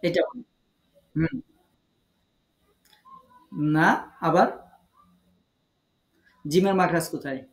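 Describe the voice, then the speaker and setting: A man's voice: fairly high pitch, slow, pauses often, reverberant, poor audio. A man with a Bangladeshi Bengali accent teaching an online recitation class, patiently quizzing and correcting students over a video call. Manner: patient, encouraging, correcting pronunciation.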